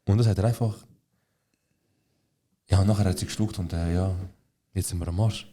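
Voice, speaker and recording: A young man with a lowish voice co-hosts a casual podcast. He tells stories with lots of slang and swearing. He acts out the dialogue himself. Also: fairly quick, slight background noise. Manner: slangy, swearing, animated retelling with quoted dialogue. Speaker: podcast co-host. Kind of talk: casual chat, storytelling.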